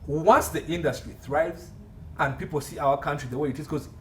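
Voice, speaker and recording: On the high side and fairly bright in tone, this Ugandan man talks fairly quickly as an expert guest in an interview on entertainment law. He repeats phrases emphatically, and a distant mic picks him up over faint background noise.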